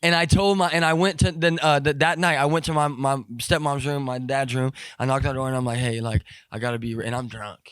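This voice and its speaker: A man's voice: medium pitch, fast talker, few pauses, smooth, dry recording. Rambling, profane young man telling stories. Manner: rambling, profane, animated storytelling with lots of fillers. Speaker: interview guest. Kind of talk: casual storytelling.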